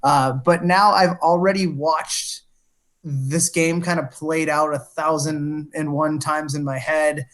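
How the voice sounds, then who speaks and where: Brief: male podcast co-host, slightly high voice, halting delivery full of restarts. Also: fairly even intonation, fairly bright tone. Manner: halting, many restarts and fillers. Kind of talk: casual sports podcast chat.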